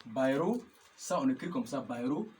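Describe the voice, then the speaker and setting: A man's voice: mid-range voice, big pitch swings, moderate pace, noisy background. A man, teaching geomancy as a marabout, chanting formulas over and over and often asking if listeners follow. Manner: often checks understanding with questions. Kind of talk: instructional talk.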